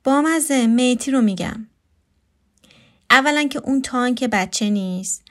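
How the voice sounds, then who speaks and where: A woman's voice: a little high, a bit bright, close to an everyday voice. A woman voicing a sarcastic, teasing houseguest. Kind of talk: read storytelling.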